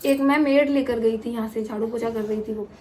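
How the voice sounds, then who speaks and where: High-voiced woman telling a story. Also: fairly quick, a little hiss or hum. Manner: animated, acts out her own cries and others' lines. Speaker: vlogger. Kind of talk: casual storytelling.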